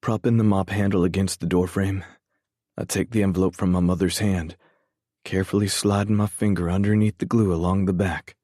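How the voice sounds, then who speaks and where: A man narrating a first-person romance audiobook in a measured, brooding way, swearing freely. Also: deep voice, steady tone, warm tone, no room sound, studio quality.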